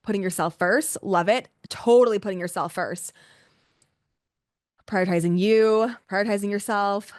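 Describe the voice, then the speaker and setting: A woman speaks as the host and coach of a live online workshop, at a middling pitch. Her delivery is informal and chatty, gushing in repeated little exclamations and peppered with "like". The sound is close and dry, with very little room on it. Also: moderate pace, a little mellow, dry recording. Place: live video-call session with a camera, indoors.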